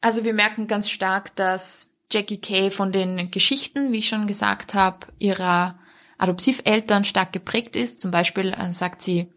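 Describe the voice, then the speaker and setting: A woman's voice: mid-range voice, steady tone, normal speed, a bit bright. A woman discussing a book in a conversational review, fluent and explanatory, with occasional fillers.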